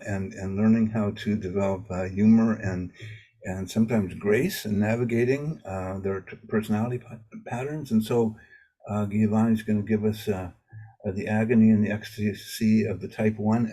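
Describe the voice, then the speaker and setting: Low, husky man interviewing haltingly. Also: warm tone, low-quality recording. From Maine. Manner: halting, many uh fillers and restarts. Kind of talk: casual video interview. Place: home in Maine.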